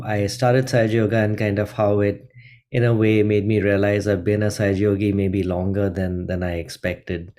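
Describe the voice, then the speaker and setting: A middle-aged man from India hosting a guided meditation, talking gently and unhurriedly with many ums and uhs. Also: on the low side. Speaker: meditation host.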